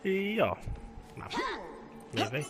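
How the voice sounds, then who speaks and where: A man giving casual, halting gameplay commentary in short muttered reactions. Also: on the high side, sing-song. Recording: game music behind the voice.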